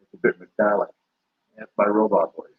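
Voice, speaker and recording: A middle-aged man talks loosely with his viewers, trailing off into fillers. His voice sounds husky and comes through metallic, gurgling and robot-like. The stream audio is dull and lo-fi. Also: on the low side, fairly quick. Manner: rambling, relaxed, trails off with fillers. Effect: metallic, garbled robot-like stream audio. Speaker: livestream host. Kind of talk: casual livestream chat with viewers. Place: home room with the air conditioner running.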